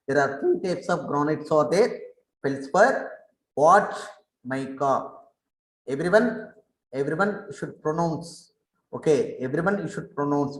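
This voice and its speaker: A man teaches school science over an online call, repeating each term slowly so pupils can say it after him. His voice sits slightly high and moves very slowly. The room around him rings with echo. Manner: repetitive, mixes English and Telugu, drills pronunciation. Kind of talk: online class lecture. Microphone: online class call.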